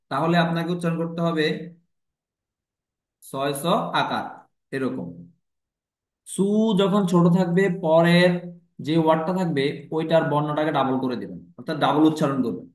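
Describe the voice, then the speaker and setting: Male teacher, patient step-by-step explainer, slightly high pitch. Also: reverberant. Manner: patient, repeats each step slowly. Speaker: language teacher. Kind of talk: explanatory lesson.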